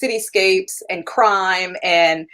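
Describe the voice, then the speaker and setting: A German woman in her thirties, a native German speaker, tells her life story as a guest in a casual interview, speaking candidly with lots of laughter and fillers. Her voice is medium-pitched, bright, and forceful, and she takes her time.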